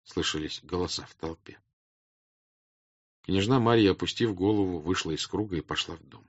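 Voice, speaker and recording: Low-voiced man narrating a classic novel. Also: moderate pace, breathy edge, dry recording, muffled recording. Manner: calm, even classic literary reading. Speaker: audiobook narrator. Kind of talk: scripted narration.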